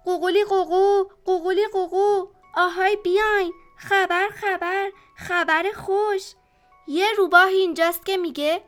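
Clever young rooster played by a woman, loud high crowing calls, storybook cast. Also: fairly even intonation, faint music behind. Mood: shouting. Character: clever young rooster chick, bold and quick.

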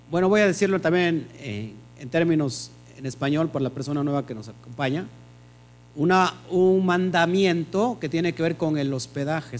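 A man teaches a Bible study group, firing questions at his listeners and answering them himself. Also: on the high side.

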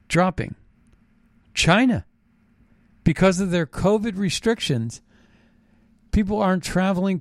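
An American man hosts a commentary show with an off-the-cuff, suspicious rant. His voice sits a little higher than most men's. He leans on repeated phrases for emphasis in a conspiratorial way, and the sound is dry, with little room around it. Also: no echo. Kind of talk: unscripted political rant monologue.

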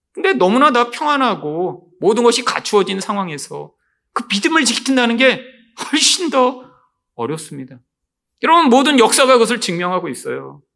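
A middle-aged man preaching a sermon as pastor, animated and often addressing the congregation directly. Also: high voice.

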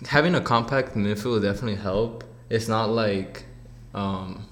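A man's voice: on the low side, normal speed. A young man in his twenties, a college soccer player, talking casually and rambling a little as a podcast guest. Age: 20s. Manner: relaxed, rambling, laughs easily. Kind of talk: casual interview chat.

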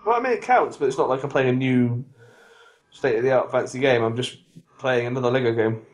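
A man co-hosting a podcast, chatting casually in a rambling, animated, self-mocking way. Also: mid-range voice, a little fast, poor audio. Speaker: podcast co-host. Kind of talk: casual chat.

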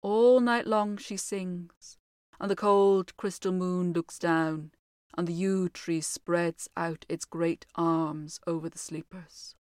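Woman voicing a sorrowful ghost, centuries old, low dreamy delivery, dry close read. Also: steady tone, takes it slowly, no echo. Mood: sad, dreamy. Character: weary centuries-old male ghost, sad and lonely.

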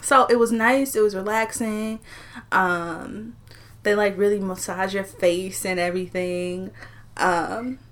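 A woman in her twenties with a mid-range voice co-hosts a casual chat show. She talks informally and uses a lot of slang. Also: mid-range voice. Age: 20s. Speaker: podcast co-host.

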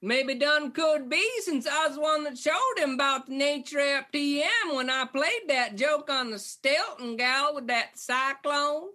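A woman's voice: sits high, measured pace, hardly any pauses, bright, forceful tone. A woman voicing an indignant male farmer with a folksy rural drawl and country slang. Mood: aggrieved. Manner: indignant, grumbling complaints. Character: folksy male farmer, feuding, easily riled. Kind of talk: comedy sketch acting.

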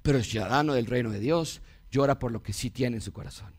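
A man preaching a passionate sermon in a church, swinging between loud appeals and hushed warnings. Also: mid-range voice, quick pace, slightly rough. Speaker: pastor.

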